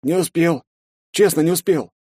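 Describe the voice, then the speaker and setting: A man voicing a terrified young male sergeant who is near tears and pleads in a high, frightened voice. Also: moderate pace, a little mellow, breathy edge, no room sound, studio quality. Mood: frightened pleading.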